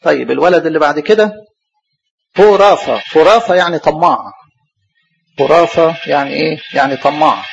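A man with an Egyptian Arabic accent teaching a Bible study sermon, asking questions aloud and answering them himself, and slowly spelling out hard names. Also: fairly high pitch, vocal fry, slight background noise. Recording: dull lo-fi recording.

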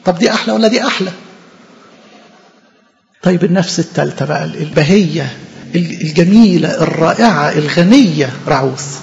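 A man's voice: fairly high pitch, lively intonation, fairly quick, vocal fry, long pauses, a little hiss or hum. An Egyptian man preaching a fervent sermon in a church, asking his own questions and answering them. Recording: reverberant hall, dull lo-fi recording.

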